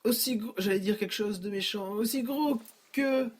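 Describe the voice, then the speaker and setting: A man's voice: high voice, normal speed. A young man hosting a casual solo podcast, joking and rambling, often correcting himself mid-sentence. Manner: jokey, rambling, self-interrupting. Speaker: podcast host. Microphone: no headphones, home setup.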